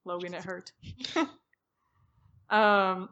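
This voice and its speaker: Giggly excitable young woman. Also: mid-range voice, highs cut off. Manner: giggly, excitable, quick bursts of delight. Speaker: podcast co-host. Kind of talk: casual chat.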